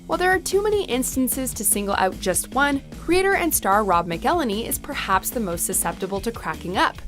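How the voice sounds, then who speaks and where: A woman's voice: fairly high pitch, animated, brisk, music in the background. A woman reading scripted narration for a countdown video as its narrator.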